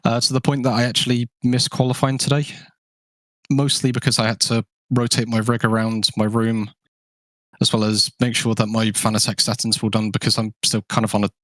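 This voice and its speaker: A man's voice: mid-range voice, level tone, fairly quick, a bit bright, no room sound. A man being interviewed after winning a race, speaking frankly and rambling off topic. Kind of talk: casual interview.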